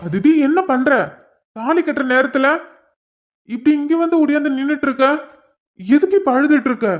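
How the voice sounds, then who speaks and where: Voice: medium pitch, animated, normal speed, close to an everyday voice. A voice actor playing a flustered young man in a cartoon, urgently pleading with a crying girl to go away. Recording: dull lo-fi recording.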